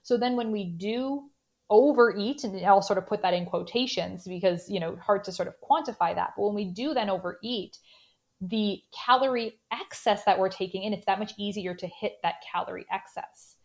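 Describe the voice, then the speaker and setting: Canadian-accented woman, dietitian guest, patient explainer, average pitch. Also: moderate pace, darkish tone. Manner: clear explanatory, fillers like "you know". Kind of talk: podcast interview, explaining.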